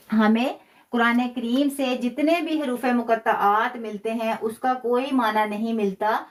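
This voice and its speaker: A woman teaching a live online Quran class, patiently repeating key phrases and slowing down to demonstrate pronunciation. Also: a little high. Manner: stretches words slowly when demonstrating pronunciation.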